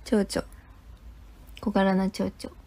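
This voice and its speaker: A young woman in a casual livestream chat, speaking haltingly and trailing off softly at the ends of phrases. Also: medium pitch, monotone. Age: young adult. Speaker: idol group member, livestreamer. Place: small indoor room with curtains.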